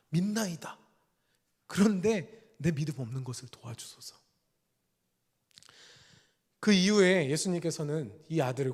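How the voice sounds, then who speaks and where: A man preaching a sermon in earnest, swinging between loud emphatic lines and quiet low asides. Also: long reverb tail. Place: church sanctuary.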